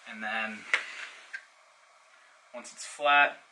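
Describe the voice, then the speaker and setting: With a fairly low, steady voice, sharp in tone and drawn out on its words, a man unboxes a product and demonstrates it hands-on. He walks through each step casually, in the style of a product reviewer. The mic is distant and some faint background noise comes through.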